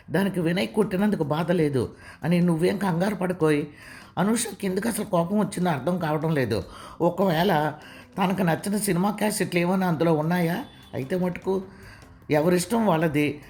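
A woman voicing a calm older father. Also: high-pitched, moderate pace. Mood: reassuring. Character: older father, calm reasoning head of house. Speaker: father in the story.

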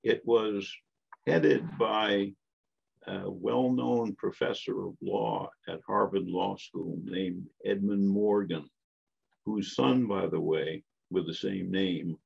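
An older man giving a measured, emphatic history lecture as a guest speaker, with frequent asides. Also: lowish voice, creaky, darkish tone, slightly rough. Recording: dull lo-fi lecture recording.

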